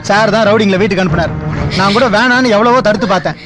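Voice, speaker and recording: A remorseful henchman, acted by a man, blunt and earnest. His fairly high voice moves fast. Film music plays under him. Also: close to an everyday voice.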